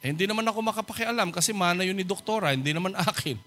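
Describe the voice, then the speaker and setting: Pastor guy telling his story in church, high bright voice, does the other people's lines. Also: very fast. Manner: polite storytelling, acting out quoted voices. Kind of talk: sermon testimony.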